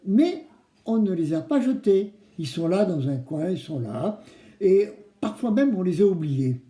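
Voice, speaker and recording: A man's voice: high voice, very animated, unhurried, dark tone. A man hosting a kids show, speaking to children with simple, coaxing explanations and questions. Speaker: children's craft show host. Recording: roomy, echoing room.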